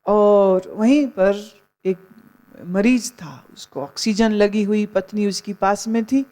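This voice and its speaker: A woman's voice: medium pitch, fairly even intonation, slow, warm tone. A woman spiritual teacher giving a sermon, telling stories in a conversational way and mixing in English phrases. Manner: storytelling, mixes in English phrases.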